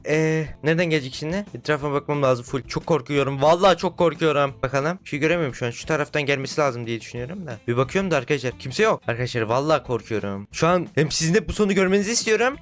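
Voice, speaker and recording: A young man chatting to viewers while playing a horror game, talking to himself, sometimes yelling when he is scared. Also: on the high side, animated, rapid-fire, hardly any pauses. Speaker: gaming video host. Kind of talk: casual Roblox horror gameplay commentary.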